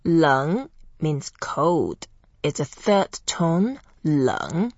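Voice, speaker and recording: A young woman from Taiwan hosting a Chinese language lesson, who pronounces words slowly and carefully for drills. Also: deep voice, sing-song, a little mellow, no echo, muffled recording. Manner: slow, careful pronunciation drills. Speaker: Chinese language teacher and host. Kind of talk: scripted language lesson podcast.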